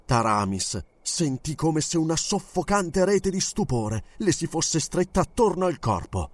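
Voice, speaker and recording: A man narrating an audiobook in a dramatic, expressive reading. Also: on the high side, unhurried, no room sound.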